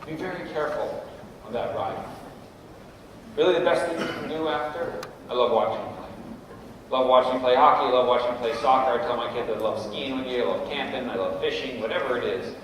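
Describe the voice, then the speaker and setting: A man's voice: medium pitch, fairly quick. A middle-aged man giving a conversational talk to parents in a school auditorium, telling stories and checking in with "right?". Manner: storytelling, often checks in with "right?". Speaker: guest speaker at a parents' session. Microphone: distant room mic. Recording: echoey hall from far off, noisy.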